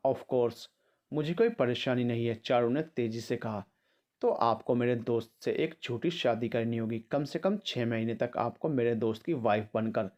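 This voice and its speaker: A man narrating a written family story, reading all the characters' lines himself in a mostly even voice. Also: medium pitch, dull audio.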